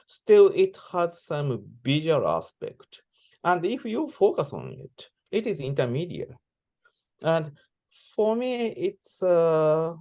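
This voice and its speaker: Guy composer in an interview, thinks out loud slowly, halting non-native english, pretty animated pitch. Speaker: interviewee, composer and sound performer. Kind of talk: reflective interview answers.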